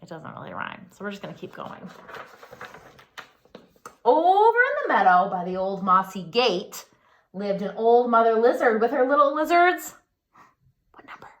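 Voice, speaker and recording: A woman whose voice sits on the high side reads a picture book aloud for young kids, expressive and singsong, pausing to ask questions like a pre-K teacher. There's a slight hiss or hum in the audio.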